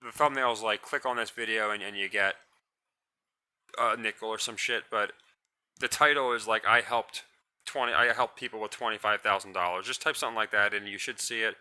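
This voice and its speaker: Smooth and brisk, a man with a lowish voice hosts a commentary channel and rants solo in a scornful, blunt way. He meanders and restarts sentences, calling his own voice monotonous.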